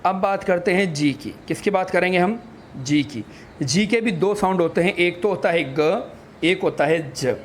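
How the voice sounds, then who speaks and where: Slight background noise accompanies a man whose voice sits high as he teaches the sounds of English letters. Treating listeners as children, he spells words letter by letter and, like a patient teacher, supplies answers to his own questions in this classroom phonics lesson.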